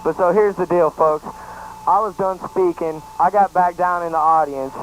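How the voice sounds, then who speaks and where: A man's voice: high-pitched, steady tone, moderate pace, a little hiss or hum, low-quality recording. A young man casually telling a story on a talk show, laid-back and saying man a lot. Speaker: guest co-host. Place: studio, public access show.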